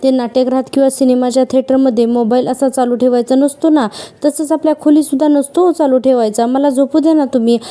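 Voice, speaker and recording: A woman's voice: high voice, fairly even intonation, fairly quick, dark tone, close to an everyday voice. A woman putting on the voice of an irritated, short-tempered young wife while retelling a serial, scolding and exasperated.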